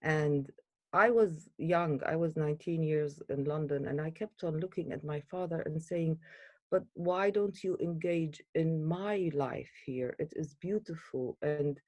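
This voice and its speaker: A woman from Iraq, a guest in an interview, speaking earnestly and hesitantly with many pauses and fillers. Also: deep voice, darkish tone, dry recording.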